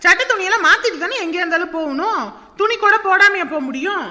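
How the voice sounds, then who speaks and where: Woman playing a brisk young mother. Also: sits high, sing-song, bright, forceful tone, big-room sound, heavily acted. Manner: scolding, bustling, teasing a crying child. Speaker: daughter-in-law in a family drama. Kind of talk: family drama acting.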